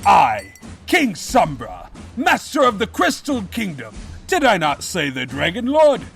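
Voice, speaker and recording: An actor voices a pompous, evil pony king who is grandiose yet cowardly, in a bombastic comedic audio drama style, with faint music in the background. His exaggerated voice is high-pitched and a bit bright, with huge pitch swings, vocal fry and a measured pace. Indignant and grandiose, he makes bombastic, theatrical declarations.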